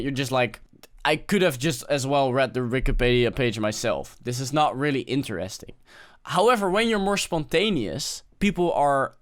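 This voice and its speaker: Relaxed, chatty young man. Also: mid-range voice. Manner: relaxed and conversational, with frequent fillers and restarts. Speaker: vlogger giving presentation tips. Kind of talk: unscripted casual talk to camera.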